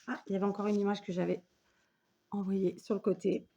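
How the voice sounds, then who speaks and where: An enthusiastic woman in her forties chats through a home scrapbooking video, her pitch sitting in an ordinary middle range. She talks in a warm, effusive, rambling way, full of thanks and little asides. A faint hiss of background noise sits under the voice. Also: level tone, brisk, muffled recording. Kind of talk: casual unboxing chat.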